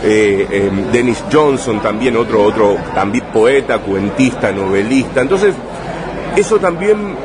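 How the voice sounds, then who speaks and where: He's a writer from Rosario, Argentina, interviewed in a busy bar where people chatter and traffic rolls by outside. Though his voice is on the low side, his intonation is lively, and his Rosario accent is clear. The talk is relaxed, yet he speaks thoughtfully and haltingly, restarting often and adding tag questions.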